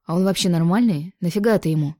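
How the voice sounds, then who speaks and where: A woman's voice: fairly low pitch, dark tone, no room sound, clean studio sound, close to an everyday voice. A woman voicing a blunt, sassy young female best friend in an audiobook. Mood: incredulous. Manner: blunt, sassy, quick to scoff.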